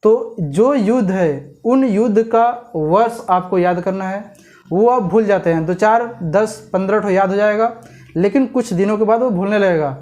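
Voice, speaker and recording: A man teaching a memory trick, explaining step by step and often checking with "clear?" and questions to the viewer. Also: high voice, moderate pace, darkish tone. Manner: repeats "clear?" and asks rhetorical questions.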